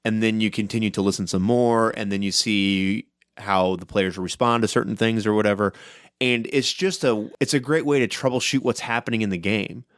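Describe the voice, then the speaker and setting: A man co-hosting a podcast about running tabletop games, talking loud and fast in casual chat and tagging many sentences with "right?". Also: on the low side, steady tone, no room sound, clean studio sound. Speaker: podcast co-host and game master.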